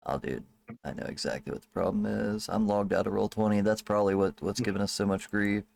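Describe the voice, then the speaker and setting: A man's voice: lowish voice, fairly even intonation, a little fast, gravelly, darkish tone. Laid-back, cussing game master man. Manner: loose, swearing, laughing asides. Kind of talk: casual tabletop game narration.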